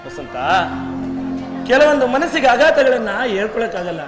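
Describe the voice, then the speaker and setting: A man acting a grieving young man who has been cast out by his family, speaking in a slow, theatrical lamenting way on a village stage. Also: very high voice, very animated. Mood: sorrowful. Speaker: stage actor. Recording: live stage with music playing.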